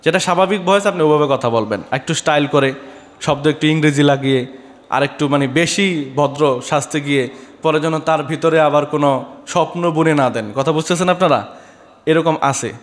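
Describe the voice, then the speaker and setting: A man's voice: a little high, normal speed, long reverb tail. A man preaching a sermon on a microphone, exhorting his listeners and asking them rhetorical questions.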